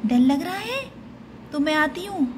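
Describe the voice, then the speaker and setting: A woman's voice: sits high, expressive, a little slow, slight background noise, poor audio. Woman voicing a bossy big-sister doll. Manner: scolding, impatient. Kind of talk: doll play storytelling.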